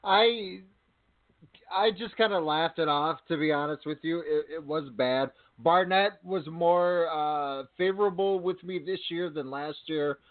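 A man's voice: a little high, a little slow. A man co-hosting a wrestling podcast, laid-back and laughing easily in casual talk. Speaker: podcast co-host. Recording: tinny phone-line audio.

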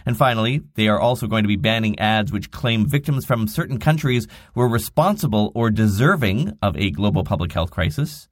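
A man's voice: fairly low pitch, expressive, a little fast, few pauses, no room sound. A man hosting a daily digital marketing news podcast, reading the stories with wry, dry asides. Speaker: podcast host.

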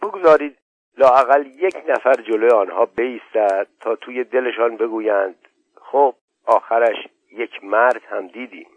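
A man's voice: mid-range voice, breathy edge, no room sound, lightly acted. A man voicing a proud young landowner who speaks bitterly and defiantly. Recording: dull, dry lo-fi audio.

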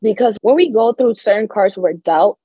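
A woman's voice: medium pitch, expressive, normal speed, warm tone, slightly rough, dry recording, poor audio. A young adult woman telling her personal story as an interview guest, open and emotional, with a nervous laugh now and then.

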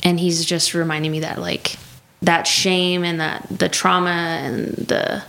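A woman's voice: fairly low pitch, flat delivery, a little slow, vocal fry, a bit bright. A woman in her thirties talking casually as a podcast host, sharing personal testimony in a church prayer room. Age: 30s.

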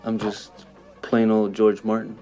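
A man's voice: lowish voice, completely flat delivery, unhurried, dark tone, soft background music. An actor playing a young male cadet who fakes a Spanish accent, speaking in a conspiratorial, sheepish way. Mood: sly. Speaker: film character in a comedy clip.

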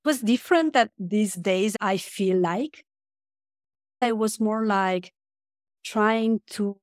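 A woman's voice: medium pitch, slow, dry recording, clean studio sound. A woman with a Romanian accent, talking earnestly as a podcast guest and often searching for her words. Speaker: podcast guest, life coach. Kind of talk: casual interview talk.

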